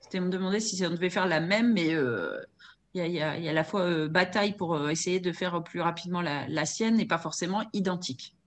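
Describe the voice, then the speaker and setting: A woman's voice: fairly low pitch, expressive, fast talker. A woman moderating an online webinar, relaying audience questions and handing over to her co-presenters on a video call.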